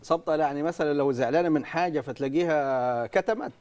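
A man with an Egyptian accent, explaining his view as a panel guest with some halting restarts. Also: on the high side, darkish tone. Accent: Egyptian Arabic. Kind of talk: TV panel discussion.

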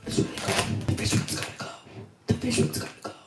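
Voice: quick pace, echoey room, recorded from a distance, loud music behind the voice. A vlogger doing a casual ASMR snack tasting, talking while chewing, blunt in manner. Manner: casual, blunt, swears freely.

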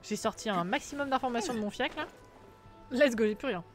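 A woman's voice: a little high, brisk, music in the background. A woman streaming live, chatting casually and playfully with her viewers, teasing and humming between lines. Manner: playful, teasing, chatty, hums and sings syllables. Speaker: Twitch streamer.

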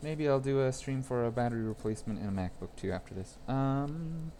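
Young dude live streaming phone repair, rambly and laughy, bit of faint noise behind. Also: male voice, mid-range voice, brisk, dark tone. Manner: chatty, rambling, greets chat viewers, laughs often. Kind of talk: casual live-stream chat while working. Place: repair shop workbench.

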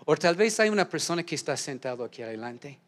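Male pastor preaching hard in a church hall, kinda high voice, loud call and response then quiet bits. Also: sing-song, quick pace. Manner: swings from loud shouts to low hushed asides. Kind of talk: sermon. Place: church auditorium.

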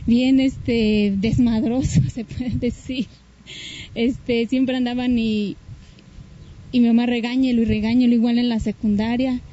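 A woman's voice: on the high side, level tone, unhurried, warm tone, lo-fi sound. A woman with a Mexican Spanish accent, tenderly remembering her late brother in an emotional interview, often quoting their conversations. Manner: tender, reminiscing, quotes dialogue. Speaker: grieving sister of the deceased.

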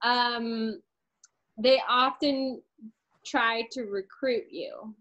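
Brief: easygoing woman quizmaster, slow delivery, dull lo-fi audio. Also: fairly high pitch, steady tone, fairly bright tone. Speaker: quiz asker on a staff podcast. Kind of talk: casual quiz chat.

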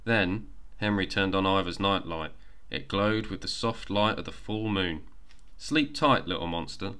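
A man narrating a bedtime storybook in a gentle, even reading voice. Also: low voice, measured pace, smooth.

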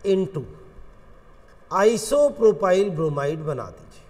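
A male chemistry teacher with an Indian accent explains reactions in a lively, sing-song lecture voice that sits high and swings widely in pitch. His words ring with a long reverb from the room around him. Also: very slow. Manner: animated, coaxing, addresses students as friends. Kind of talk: classroom lecture.

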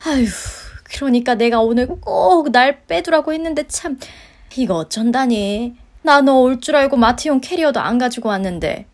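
A woman's voice: sits high, normal speed, lightly acted. A woman voicing a pushy, guilt-tripping older mother-in-law in a story-radio drama, scolding and sighing. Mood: nagging. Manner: scolding, wheedling, sighs of complaint.

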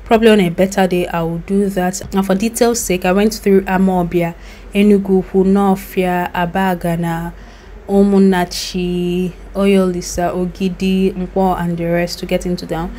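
A woman's voice: fairly low pitch, flat delivery, normal speed, mellow. A young Nigerian woman narrating her road trip in a chatty, recommending voice-over with loose asides. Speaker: vlogger. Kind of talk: travel vlog voice-over.

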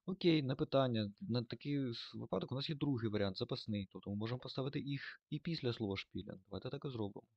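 A man's voice: medium pitch, fast talker, vocal fry, few pauses, dry recording, lo-fi sound. A man teaching German grammar in a lesson, thinking aloud with fillers and self-corrections.

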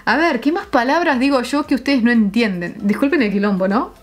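A young Uruguayan woman vlogging casually, explaining her slang with frequent laughs and pauses to find the right words. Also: fairly high pitch, soft background music. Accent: Uruguayan Spanish. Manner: chatty, laughs often, searches for words.

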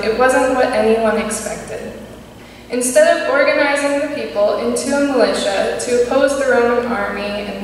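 A young woman preaching a sermon from a pulpit, reading in a measured way. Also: fairly high pitch, a little hiss or hum. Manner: measured, read from notes at a pulpit. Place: church sanctuary. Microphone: pulpit mic at a distance. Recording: echoey church hall, distant mic.

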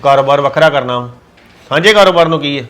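A man's voice: a little high, fast, a bit bright, close to an everyday voice. A man playing a stern elder brother, scolding his younger sibling in an exasperated way. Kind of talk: scripted web drama acting.

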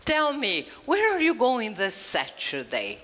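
A woman from Brazil co-hosting a bilingual English pronunciation lesson, modeling words slowly and clearly for students to repeat. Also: a little high, huge pitch swings, pushed and bright, in a large hall. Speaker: English teacher co-host.

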